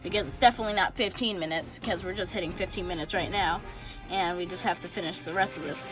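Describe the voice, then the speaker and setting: A woman's voice: lowish voice, fast, music in the background. Rambling chatty woman narrating a drawing. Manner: rambling, chatty, talks while coloring; self-correcting, thinks out loud. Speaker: drawing channel host. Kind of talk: casual drawing tutorial narration.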